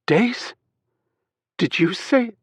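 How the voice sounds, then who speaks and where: A man's voice: mid-range voice, expressive, normal speed, a bit bright, breathy edge, no room sound, clean studio sound, voice pushed up. A man voicing a frightened young wife who is crying, her voice cracked and aching, in an audiobook. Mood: frantic.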